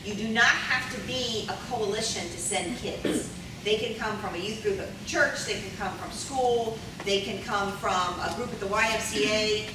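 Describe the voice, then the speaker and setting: In a big hall full of echo, a medium-pitched middle-aged woman from Maryland speaks to conference attendees like a warm, loud teacher, quizzing the room and frequently stalling on ums. She's recorded from far away, and background noise is clearly audible.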